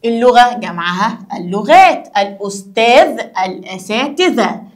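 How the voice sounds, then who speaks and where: A woman's voice: fairly high pitch, lively intonation, moderate pace. A woman with an Egyptian accent explaining a school lesson to young children, asking questions and answering them herself. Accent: Egyptian Arabic. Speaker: primary school teacher.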